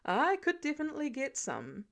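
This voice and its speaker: A woman's voice: sits high, huge pitch swings, normal speed, creaky, a bit bright, voice pushed up, exaggerated voice. Woman reads smug drawling rich man, middle-aged, dry and probing.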